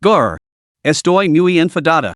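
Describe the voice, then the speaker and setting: Man voicing a stubborn young girl fighter in a storybook recap, indignant, slightly raised pitch, dry sound. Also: big pitch swings, a little slow, no room sound. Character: proud hot-tempered young girl cultivator.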